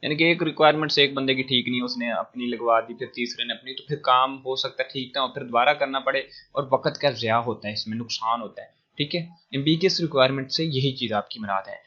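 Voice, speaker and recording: A man giving a casual recorded lecture as a tutor, explaining slowly with many fillers and English phrases mixed in. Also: medium pitch, pushed and bright. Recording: dull lo-fi audio.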